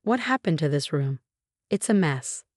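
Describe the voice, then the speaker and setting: A woman's voice: deep voice, animated, normal speed, darkish tone, no room sound, studio quality. A woman reading the lines of a cruel, dismissive husband who scolds his wife. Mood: scolding.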